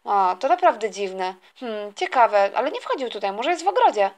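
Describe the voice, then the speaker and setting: A woman's voice: a little high, big pitch swings. A woman doing a fussing toy-story mom. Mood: busy. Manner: hurried, fussing. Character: busy fussing mother calling family to dinner.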